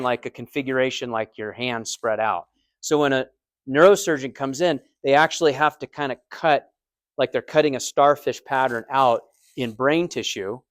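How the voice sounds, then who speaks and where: A man's voice: mid-range voice, no room sound. A man with an American accent teaching anatomy and physiology in a conversational lecture, explaining with everyday comparisons and checking in with his students. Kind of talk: recorded lecture.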